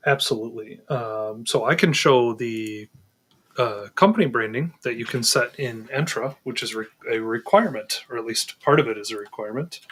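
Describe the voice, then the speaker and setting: A man's voice: mid-range voice, moderate pace, fairly bright tone, husky. A man co-hosting a live Q&A, walking through settings on screen with frequent ums and second-guessing. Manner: hesitant, many ums, second-guessing himself. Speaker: co-host answering questions.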